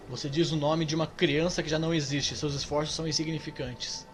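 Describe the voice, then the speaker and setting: A man voicing a dark cult entity that possesses a boy, reading its lines slowly and solemnly in a game playthrough. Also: fairly high pitch, fairly even intonation, slight background noise, natural voice. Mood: ominous.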